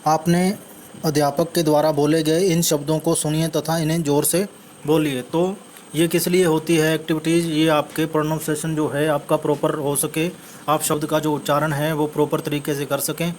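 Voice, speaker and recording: Indian male teacher, slow and repetitive. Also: on the high side, level tone, a little mellow, a little hiss or hum. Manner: slow, spells words letter by letter; repeats "ठीक है" after each point. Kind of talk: Hindi-English textbook lesson.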